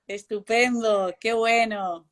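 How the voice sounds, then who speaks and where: Woman, hosting a casual live video call interview, bit halting. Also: fairly high pitch, steady tone. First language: Spanish. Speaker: interview host.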